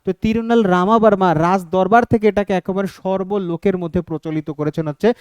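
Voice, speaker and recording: A man's voice: high voice, fairly even intonation, quick pace, smooth, dry recording. A man teaching an exam-prep lesson, explaining step by step and often checking in with his students. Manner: explains step by step, keeps asking "ঠিক আছে?".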